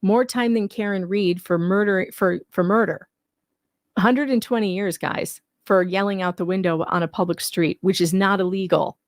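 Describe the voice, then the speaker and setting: A woman with a medium-pitched, fairly steady voice talks at a normal pace in a clean studio recording without echo. She hosts a casual livestream about a legal case, reading claims aloud and skeptically arguing against them, repeating points to drive them home.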